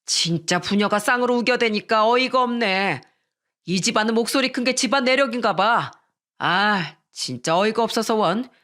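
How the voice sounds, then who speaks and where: A woman's voice: on the high side, normal speed, fairly bright tone, lightly acted. A woman voicing an arrogant, sneering male surgeon who belittles his sick wife in a dramatized story. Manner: sneering, condescending.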